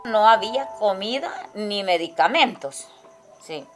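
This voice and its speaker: An older woman giving testimony in a halting way, often checking in with her listener. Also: medium pitch, lively intonation. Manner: halting, tagging lines with "¿verdad?". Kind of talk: spoken testimony in a documentary. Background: music.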